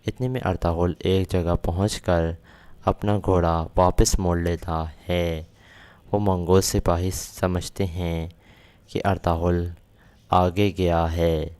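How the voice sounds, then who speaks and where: A male narrator retelling a drama episode scene by scene in a steady, matter-of-fact way. His voice is very deep and barely moves in pitch. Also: clear, resonant tone. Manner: steady plot retelling with quoted lines.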